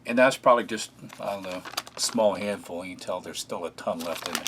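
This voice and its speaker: A man casually narrating a food taste test, relaxed and chatty, often pausing with fillers as he eats. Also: low-pitched, background noise. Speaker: food reviewer.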